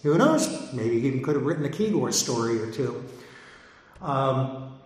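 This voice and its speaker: A man's voice: mid-range voice, very animated, normal speed, darkish tone. A man giving an informal talk to an audience as a pulp fiction collector and reprint editor, rambling and digressive with many hesitations. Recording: echoey hall with long reverb.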